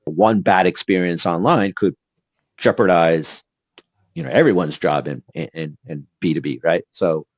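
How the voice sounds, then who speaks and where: A Brazilian man whose native language is Portuguese offers earnest advice as a guest in a casual interview, using lots of fillers and restarts. His low voice moves a little slowly, with no room sound and the highs cut off.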